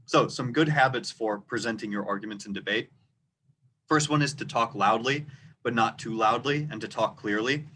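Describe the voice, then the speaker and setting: A debate coach with a rural Minnesota accent teaches students in an instructional video. He speaks loudly and deliberately at a medium pitch, keeping each word distinct, over a little hiss or hum.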